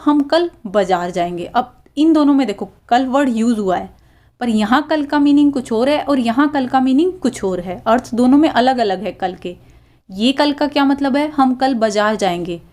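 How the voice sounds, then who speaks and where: A woman's voice: sits high, a little mellow. A woman teacher going through a school worksheet step by step, reading the passage aloud and putting questions to her students. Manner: often poses questions to students.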